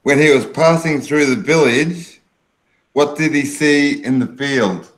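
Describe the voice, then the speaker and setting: An Australian man judging a contest over a video call, asking questions slowly and praising each answer. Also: a little high, poor audio. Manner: slow, encouraging, praises answers warmly. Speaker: competition judge.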